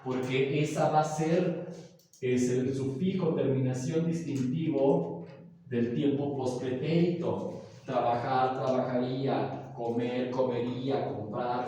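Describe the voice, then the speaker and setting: Teacher in an echoey classroom. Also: male voice, a little high, dark tone, slight background noise. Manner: explanatory, often checks in with the class. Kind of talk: classroom grammar lesson. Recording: very echoey room, voice from far off.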